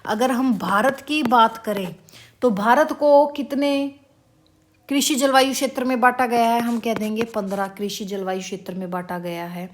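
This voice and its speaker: A woman teacher giving an exam-prep lesson, repeating each question slowly and drilling the answers for her students. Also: on the high side, steady tone, a little hiss or hum. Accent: Haryanvi-tinged Hindi. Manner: addresses students as beta.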